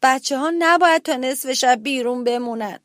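A woman voicing a kind, sensible sister mouse who talks gently and reasonably. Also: high-pitched, no echo, clean studio sound.

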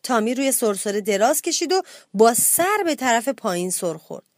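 A woman reading a children's bedtime story aloud with expressive delivery. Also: no echo, studio quality. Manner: expressive reading, lifts pitch for children's shouts.

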